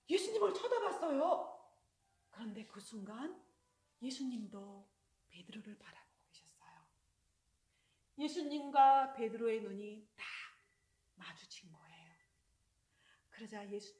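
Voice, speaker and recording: A woman telling a children's sermon story in an animated way, addressing the children directly. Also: high-pitched. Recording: roomy echo.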